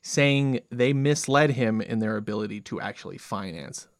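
A man's voice: fairly low pitch, normal speed, no room sound, clean studio sound. A man hosting a casual podcast, joking and laughing often as he tells the story. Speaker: podcast host.

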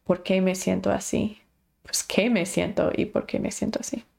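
A woman's voice: mid-range voice, steady tone, moderate pace, creaky, a little mellow. A woman instructor giving an online class, explaining patiently and acting out inner voices.

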